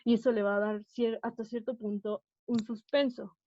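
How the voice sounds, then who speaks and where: Woman, acting teacher, slightly high voice, dull dry lo-fi sound. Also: fairly even intonation, normal speed, warm tone, dry recording. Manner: explanatory, checks in with students often. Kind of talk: online class lecture.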